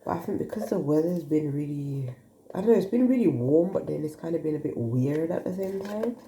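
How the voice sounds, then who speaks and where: This woman speaks low and brisk, with a dark tone and lively intonation, over a slight hiss or hum. Sniffly from a cold, she muses aloud while doing a relaxed tarot reading for viewers, captured by phone in a room with echo.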